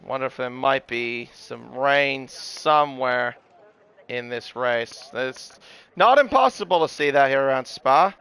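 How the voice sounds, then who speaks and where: A man delivers live play-by-play commentary on an online motorsport race in a bright, forceful, clean voice of medium pitch, animated yet measured in pace. He makes hesitant asides, often corrects himself, and exclaims when incidents happen.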